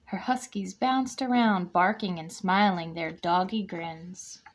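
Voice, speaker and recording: There's a slight hiss or hum behind this woman's lowish voice as she slowly reads a picture book to a kindergarten class. A guest reader, she delivers it expressively and acts out the characters' lines.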